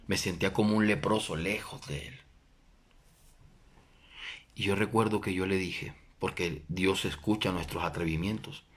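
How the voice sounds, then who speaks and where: A middle-aged Colombian pastor giving a sermon testimony, emphatic, swinging between loud declarations and hushed prayer. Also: male voice, sits low.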